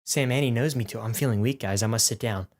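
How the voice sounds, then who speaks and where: A man's voice: medium pitch, fast, a little mellow. A nineteen-year-old man reading viewer comments aloud in a casual vlog. He is goofy and self-mocking, swears, and often breaks into mock outrage. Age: late teens.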